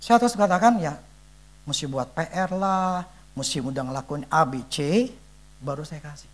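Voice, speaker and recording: A father giving an earnest church testimony in a conversational sermon style, emphatic and often pausing to search for words. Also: a little high.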